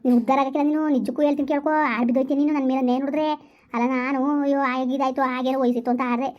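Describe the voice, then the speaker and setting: A woman playing a sharp-tongued village wife in a comic skit, hurling curses and scolding tirades. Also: sits high, level tone, racing, lightly acted. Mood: cursing. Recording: dull lo-fi audio.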